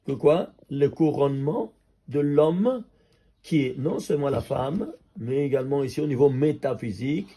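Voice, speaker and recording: A man, a rabbi, teaching an animated Torah class, pressing his listeners with rhetorical questions and chuckling with excitement over number calculations. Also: mid-range voice, normal speed, slightly rough.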